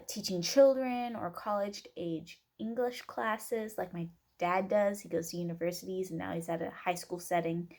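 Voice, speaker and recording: Young oregon woman rambling thru a class intro video, kinda low voice, lots of um and uh. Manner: rambling, many fillers and restarts. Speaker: student. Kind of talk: casual self-introduction video.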